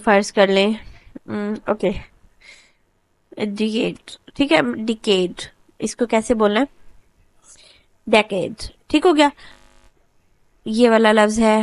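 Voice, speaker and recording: A woman tutor patiently talking through a screen-recorded software lesson step by step. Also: medium pitch, dry recording. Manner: patient step-by-step explaining, often repeats "okay, done". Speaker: computer tutor.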